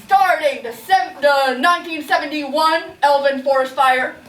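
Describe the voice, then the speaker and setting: A woman playing a boastful male captain who lists absurd deeds in a deadpan way, in a student comedy improv. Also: high-pitched, a little slow. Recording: roomy, distant and noisy.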